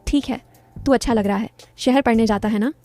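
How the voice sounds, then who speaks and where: A woman's voice: a little high, brisk, warm tone, faint music behind, lightly acted. A woman voicing a friendly, teasing widowed village woman in her mid-thirties, in a storybook reading.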